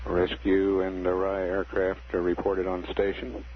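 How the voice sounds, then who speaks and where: Low, flat-voiced man on muffled mission radio. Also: measured pace. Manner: deadpan, formal announcing. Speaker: mission control public affairs commentator. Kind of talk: measured live mission commentary. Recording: muffled 1960s space mission radio, noisy.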